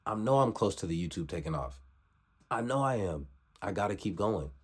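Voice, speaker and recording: A man's voice: deep voice, sing-song, fairly quick, slightly rough. A man in his twenties gives a motivational vlog talk, preachy and repetitive, urging viewers to grind. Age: 20s. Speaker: vlogger.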